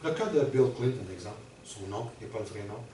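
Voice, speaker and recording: A man's voice: lowish voice, animated, brisk. Man teaching a workshop. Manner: explanatory, checks in often with the audience. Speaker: workshop presenter. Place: workshop room with an audience. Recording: roomy and distant with background noise.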